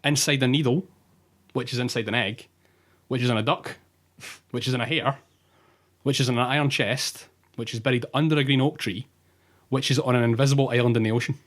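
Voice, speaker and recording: A man co-hosting a casual podcast, reading out folklore quickly and laughing through it. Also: medium pitch, fairly even intonation. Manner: quick, laughs through his own telling. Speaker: podcast co-host.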